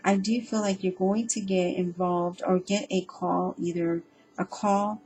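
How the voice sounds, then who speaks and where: A woman giving a casual spoken tarot reading, earnest and reassuring, speaking haltingly with frequent ums and restarts. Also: fairly low pitch, steady tone, darkish tone, slight background noise, rough recording. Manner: hesitant and halting, with frequent ums and self-repeats; earnest and reassuring, addressing the listener directly. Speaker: tarot reader.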